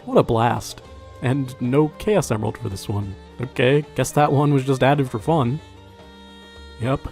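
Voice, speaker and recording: A man's voice: medium pitch, measured pace, creaky, darkish tone, soft background music. A man reviewing a video game in casual, conversational scripted narration, with wry, sarcastic asides.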